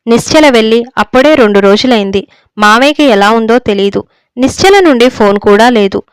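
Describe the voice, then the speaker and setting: A woman storyteller reads a serial story aloud at a steady, measured pace. Her voice is smooth, clear and a little high. The close mic gives a dry, intimate sound. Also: dry recording. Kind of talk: scripted narration.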